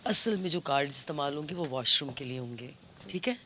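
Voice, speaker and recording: A woman's voice: low voice, expressive, brisk, bright, forceful tone. A woman contestant with a Pakistani Urdu accent, coaxing and confiding, mixing in English phrases. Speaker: reality show contestant. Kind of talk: casual argument and scheming. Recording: noisy reality show floor audio.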